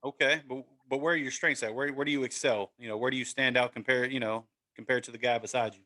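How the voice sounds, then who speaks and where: A man's voice: mid-range voice, steady tone, fast talker, bright, forceful tone. A man hosting a casual sports podcast, upbeat and encouraging, often tagging "man" and "right?" onto his sentences. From Maryland, USA. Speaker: podcast host.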